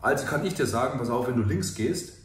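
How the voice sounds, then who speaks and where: A man talks straight to the camera as a coach, opening up in an earnest, emphatic confession. His voice swings widely, sinking low and quiet, then rising loud. The room around him rings with echo. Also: animated, quick pace, a little hiss or hum. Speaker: fitness and life coach. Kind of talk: personal confessional monologue. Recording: echoey room.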